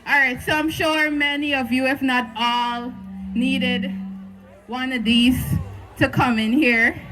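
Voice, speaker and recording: High bright-voiced woman performing spoken word. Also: fairly even intonation, takes it slowly, soft background music, rough recording. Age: 20s. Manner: rhythmic, emphatic delivery with internal rhymes. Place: stage at a live venue with an audience.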